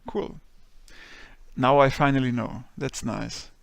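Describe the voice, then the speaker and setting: Guy doing a chill interview, kinda gravelly, dry close sound. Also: mid-range voice, steady tone, slow pace, dry recording. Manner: friendly, hesitant questions with many ums. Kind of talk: casual interview.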